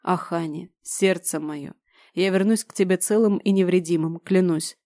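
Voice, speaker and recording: A woman voicing a young male general who tenderly pleads with his crying wife, soft and affectionate, in an audiobook reading. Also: lowish voice, moderate pace, no room sound, clean studio sound, close to an everyday voice. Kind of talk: audiobook narration.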